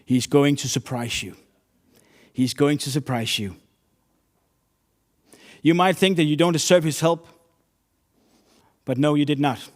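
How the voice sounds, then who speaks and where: A man's voice: a little high, unhurried, pauses often. Earnest man preaching a sermon. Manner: earnest, storytelling with non-native English phrasing.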